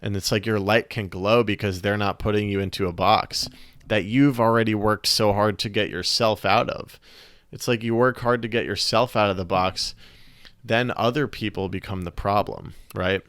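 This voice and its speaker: A man hosting a solo podcast, talking in an earnest, searching way with many restarts and pauses, a little out of breath. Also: lowish voice, fairly even intonation, a bit bright, smooth, dry recording. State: slightly out of breath. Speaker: podcast host. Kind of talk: reflective solo podcast monologue.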